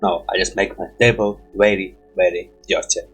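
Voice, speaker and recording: Husky low-voiced man rambling on a headset. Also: steady tone, normal speed, soft background music. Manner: rambling, broken English grammar, says "bloody" often. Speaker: reaction streamer. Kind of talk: rambling casual commentary. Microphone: headset mic.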